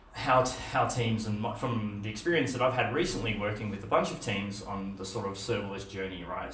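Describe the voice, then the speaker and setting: At a meetup conference talk, a middle-aged Australian man speaks casually, full of fillers and restarts, in a lowish, slightly bright voice. The setting is a dim room with a projector screen, recorded on a far camera that leaves the audio echoey and distant, with slight background noise.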